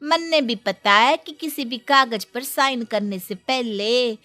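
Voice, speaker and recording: A woman's voice: on the high side, bright, forceful tone, faint music behind. A woman playing a feisty, fearless young nomad daughter-in-law, drawing out her words defiantly in a cartoon story. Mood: defiant taunting. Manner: drawn-out, defiant, taunting delivery. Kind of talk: dramatic cartoon story dialogue.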